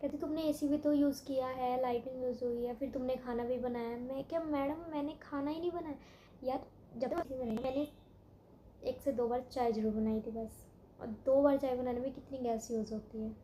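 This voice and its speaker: High-voiced woman retelling a dispute. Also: moderate pace, a little hiss or hum. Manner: animated retelling, acting out both sides of a phone argument. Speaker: vlogger. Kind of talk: casual storytelling vlog.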